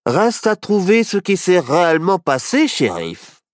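A man's voice: high-pitched, wildly swooping pitch, measured pace, no echo, studio quality, pitched above the performer's own voice, exaggerated voice. A man voicing a level-headed young man who doubts and protests, in a storybook reading. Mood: skeptical. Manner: reasoning, protesting.

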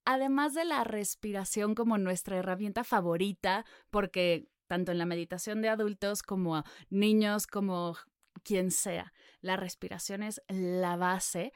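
A woman's voice: medium pitch, steady tone, measured pace, smooth, dry recording, studio quality. A woman hosting an interview, affirming the guest and asking follow-up questions in a conversational way. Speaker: podcast host.

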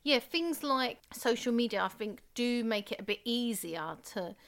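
A woman in a bright, lively voice that sits fairly high. She co-hosts a casual chat from her living room. She tells stories with animation and laughs easily. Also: normal speed. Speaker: podcast co-host.

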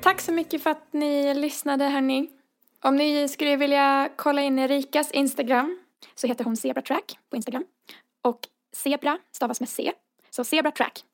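A woman's voice: sits high, fairly even intonation, faint music behind. A woman in her twenties telling a personal story in a chatty way, full of fillers and acted-out dialogue. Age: 20s. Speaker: podcast co-host. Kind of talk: casual storytelling.

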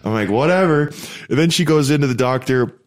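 Speaking fast at a medium pitch, this man chats casually and wanders through personal stories, breathing through his mouth since his nose is broken and blocked. He's a podcast co-host and a former pro hockey player.

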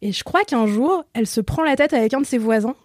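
A woman co-hosting a podcast, telling anecdotes in a lively, slangy way. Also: a little high, fast talker, dry recording.

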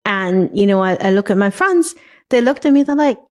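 A woman from Hong Kong hosts a casual podcast conversation. She talks at a medium pitch and gets animated, acting out quoted remarks as she speaks. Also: moderate pace. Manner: animated, acts out quoted dialogue. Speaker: podcast host.

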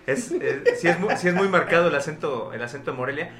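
A man's voice: fairly high pitch, lively intonation, quick pace, a bit bright. A Mexican man co-hosting a casual podcast, bantering with jokes and slang. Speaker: podcast co-host. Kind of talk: casual chat. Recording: echoey room with noticeable hum.

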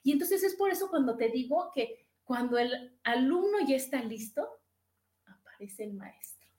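Mexican woman, talk-show host and therapist, high voice, chatty and repetitive, in a roomy studio. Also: normal speed. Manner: warm, lively, repeats phrases and asks "¿no?". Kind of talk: casual talk-show advice.

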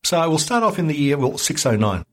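Lively man explaining history. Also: a little high, a little fast. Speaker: guest history podcaster. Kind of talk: casual history chat.

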